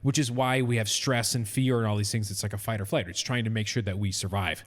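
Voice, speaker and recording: A man co-hosting a casual podcast chat, blunt and excitable, swearing often. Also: on the low side, quick pace, long reverb tail. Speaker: podcast co-host.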